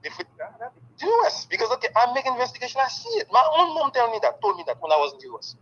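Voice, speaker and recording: A man's voice: very high-pitched, very fast, lo-fi sound. A man from Haiti who speaks natively, answering interview questions in a candid, emphatic way and filling his talk with "okay.". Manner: excited, emphatic, peppers speech with "okay".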